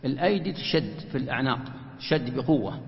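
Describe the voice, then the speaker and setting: A man's voice: medium pitch, lively intonation, quick pace, gravelly. A man teaching a Quran commentary lesson, who asks rhetorical questions and answers them himself. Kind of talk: explanatory religious lesson. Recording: echoey hall, muffled lo-fi sound.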